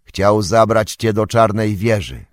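A man voicing a wise, stern old male wizard in an audiobook, explaining at length in a measured, grave way. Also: on the low side, no room sound, clean studio sound. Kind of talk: audiobook character reading.

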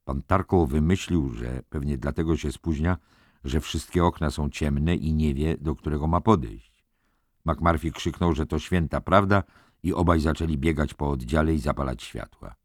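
Deep deep man reading a novel, calm, super dry close mic. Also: moderate pace, no room sound. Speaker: audiobook narrator. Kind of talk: scripted narration.

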